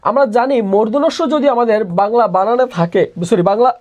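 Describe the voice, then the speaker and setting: A young male tutor teaches an online exam-prep lesson. He repeats each question several times and gives the answer himself in a steady call-and-response drill. English words slip into his sentences. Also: very high-pitched, fast, highs cut off. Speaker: admission test tutor.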